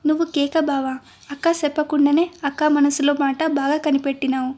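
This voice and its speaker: A woman's voice: high-pitched, little pitch movement, fairly quick, darkish tone, close to an everyday voice. A woman voicing a cheeky young village man who jokes in rustic village speech. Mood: teasing.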